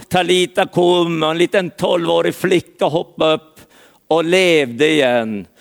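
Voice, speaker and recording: A man's voice: a little high, vocal fry, clear, resonant tone. A man preaching an earnest sermon, speaking directly to listeners by name.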